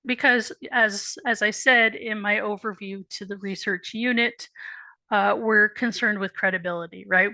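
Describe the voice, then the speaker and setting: A woman instructor with a bright, tense tone walks students through an assignment, a bit worn as she loses her voice. She is patient, repeats the key points and drops in candid asides. The sound is close and dry. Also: mid-range voice, no room sound. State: losing her voice. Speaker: college writing instructor. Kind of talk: recorded assignment walkthrough.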